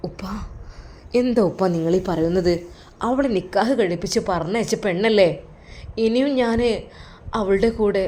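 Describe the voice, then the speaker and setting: A devoted young man, as a woman storyteller voices him. He talks in an earnest, reassuring way to the old couple, with a quiet undercurrent of guilt. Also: mid-range voice, normal speed, long pauses, close to an everyday voice.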